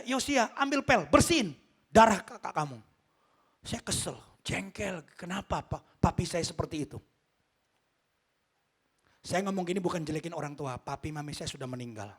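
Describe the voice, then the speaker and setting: A male pastor preaching a sermon, telling a story and addressing the congregation directly, swinging between loud outbursts and hushed lines. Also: a little high, breathy edge.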